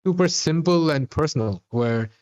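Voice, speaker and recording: A man's voice: on the high side, lively intonation, moderate pace, a little mellow, muffled recording. A man co-hosting a podcast, recapping a TV episode in a rambling, casual chat full of fillers and restarts. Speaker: podcast co-host.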